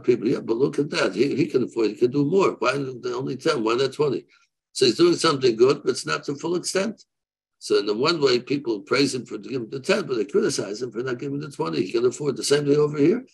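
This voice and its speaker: An elderly man with a creaky, gravelly voice speaks as a rabbi in an unscripted religious discussion. His delivery is husky and halting, often circling back to rephrase as he weighs things up. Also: mid-range voice, lively intonation, poor audio. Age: 70s. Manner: halting, repeats and rephrases, weighing both sides. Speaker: rabbi answering questions. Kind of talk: unscripted religious question-and-answer. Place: room, seated on a video call. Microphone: video call microphone.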